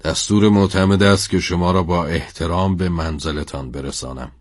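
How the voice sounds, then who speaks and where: Man voicing a prison warden, very deep husky voice, formal and deferential, dry close sound, audio storybook. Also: no echo, exaggerated voice. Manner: formal, respectful address.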